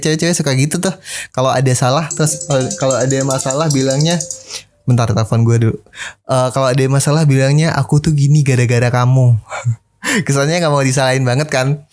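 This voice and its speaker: A man's voice: mid-range voice, darkish tone. A young man telling a story in a casual podcast monologue, laughing often and acting out the lines of the people in it. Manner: chatty, laughs often, acts out quoted lines. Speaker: podcast host.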